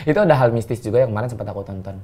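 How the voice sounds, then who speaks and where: A woman hosting a talk show in casual, joking chat, animated and teasing, often acting out quoted dialogue. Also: extremely low pitch, racing, crowd noise. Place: studio.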